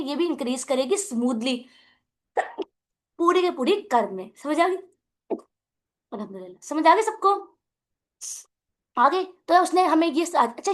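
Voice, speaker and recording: A woman's voice: high voice, a bit bright. A young woman lecturing on math, mixing English terms into her talk and often asking whether the students follow. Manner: mixes English terms into Hindi. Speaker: math teacher. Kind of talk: classroom lecture.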